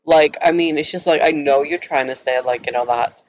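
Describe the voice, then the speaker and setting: A young native Norwegian speaker from Norway, a vlogger, tells a story to camera in a casual, rambling way, giggling often and using lots of filler words. His voice is fairly high and fairly quick, and the recording is rough.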